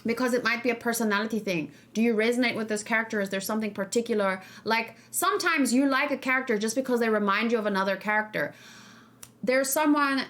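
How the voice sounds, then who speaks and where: Speaking fast in a fairly high, fairly bright voice, a woman runs a livestream for reaction and discussion. She talks casually with her viewers, asking questions emphatically and repeating important words to stress them.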